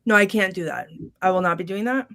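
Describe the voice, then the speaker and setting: A woman on a podcast panel reading film quotes in a relaxed, casual way, with many ums and small laughs. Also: mid-range voice, fast talker. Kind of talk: casual chat, reading movie quotes aloud.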